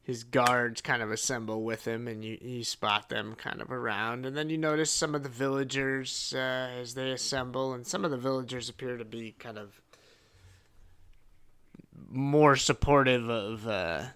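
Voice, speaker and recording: A man narrating as game master of a tabletop game, halting and full of fillers. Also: medium pitch, steady tone, sharp tone, clear, resonant tone. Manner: halting, many fillers and restarts.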